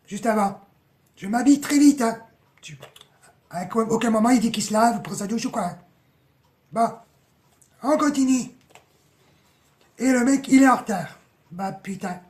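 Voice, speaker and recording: Hoarse, mocking French streamer woman, slightly high. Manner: mocking, chatty, peppered with slang and swearing. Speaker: live streamer analysing song lyrics. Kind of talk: casual live-stream commentary.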